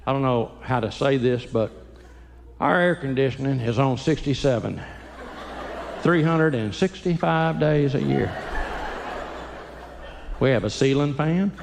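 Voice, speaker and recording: A man's voice: medium pitch, unhurried, creaky, pauses often, long reverb tail, noisy background. An older man doing stand-up comedy in a church, folksy, teasing the audience and acting out quotes. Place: church sanctuary.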